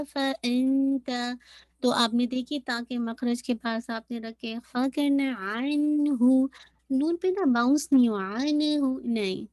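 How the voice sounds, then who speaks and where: A woman's voice: high-pitched, no room sound. A woman teaching Quran recitation in an online lesson, patiently demonstrating sounds and often checking that her students follow. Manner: patient, demonstrates sounds slowly and repeats them; frequently checks in with the class.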